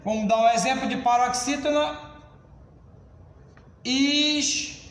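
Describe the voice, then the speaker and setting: A Brazilian man teaching a grammar lesson at the board, explaining slowly and addressing the class as "senhores.". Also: high voice, animated. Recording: echoey classroom, reverb.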